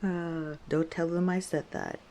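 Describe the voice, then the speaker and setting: A woman voices a female orc tavern owner in an ASMR roleplay, carrying one side of a conversation in a dark, relaxed, fairly low voice. She is chatty and confiding, leisurely and lightly acted, teasing playfully and chuckling often in an easygoing way. A little hiss or hum sits under the recording.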